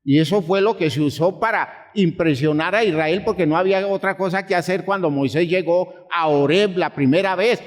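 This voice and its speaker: A male pastor delivers a sermon at a slow, deliberate pace. His voice sits a little high for a man. He moves from hushed, low passages to high, pleading outbursts.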